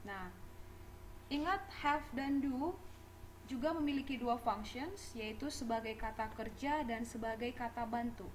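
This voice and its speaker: A woman's voice: a little high, unhurried, a little hiss or hum, low-quality recording. A woman teaching English in a classroom, mixing Indonesian and English as she drills students on verb forms and pronunciation, with frequent small laughs. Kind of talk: classroom lecture.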